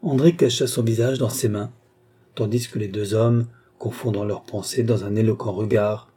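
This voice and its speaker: A man reading a classic novel aloud, with a very dark, mellow and slightly husky voice at an ordinary pitch. His narration is steady and composed. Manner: measured, composed. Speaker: audiobook narrator. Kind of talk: literary audiobook narration.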